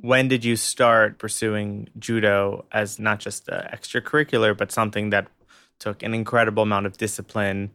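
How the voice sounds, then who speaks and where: A man in his twenties, a podcast host, giving a reflective scripted narration with measured, dramatic pauses and then interviewing a guest. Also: fairly low pitch, little pitch movement, bright, forceful tone, no room sound. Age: 20s.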